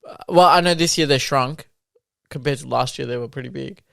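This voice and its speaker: A man's voice: mid-range voice, fairly quick, creaky, sharp tone, dry recording, studio quality. A man co-hosting a car podcast, chatting casually and enthusiastically, rambling with fillers. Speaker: podcast co-host. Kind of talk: casual chat.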